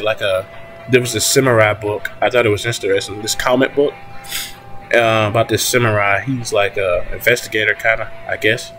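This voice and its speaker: A young man whispering hesitantly to his viewers at home at night, with lots of restarts and fillers, so he won't wake family next door. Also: lowish voice. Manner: whispering softly. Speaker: channel host. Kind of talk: casual talk to viewers.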